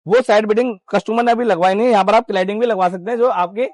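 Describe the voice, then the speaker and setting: A man with a high voice gives a steady walkthrough of car accessories, explaining each option in a practical sales manner. The sound is dry and close, with almost no room echo. He talks like a fitter showing his work. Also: very fast. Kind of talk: product walkthrough.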